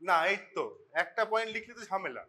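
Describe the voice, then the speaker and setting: A man's voice: high voice, expressive, rapid-fire, bright, forceful tone. A man lecturing medical students in a classroom, speaking with a Bengali accent in a chatty, scolding way, often slipping into English. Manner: chatty, scolding, switches into English mid-sentence. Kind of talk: informal classroom teaching. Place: college classroom.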